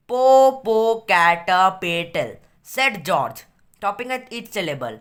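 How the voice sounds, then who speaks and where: A woman's voice: on the low side, fairly bright tone. A woman teacher reading aloud and explaining a class lesson in a patient, explanatory way.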